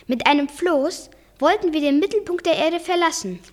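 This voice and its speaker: A high-pitched girl reads a novel aloud for a school reading project. Her delivery is careful and deliberate. She narrates in plain storyteller fashion, sentence by sentence. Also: lively intonation, slight background noise. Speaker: student reader.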